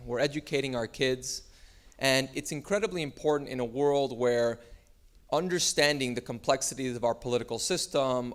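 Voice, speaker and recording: A man from Miami speaks to an audience about his work. His voice sits at a middle pitch, and his delivery is unpolished and talky, full of fillers and self-corrections. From Miami, United States. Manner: relaxed, loose delivery with frequent "uh" and restarts. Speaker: startup founder giving a talk. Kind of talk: conference talk.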